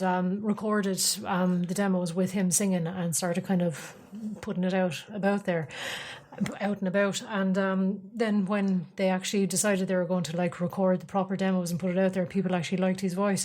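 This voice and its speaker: A woman's voice: on the low side, level tone, normal speed, a little mellow. A woman with an Irish accent co-hosting a casual music discussion, explaining things in a chatty, sometimes sweary way. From Ireland. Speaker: podcast co-host.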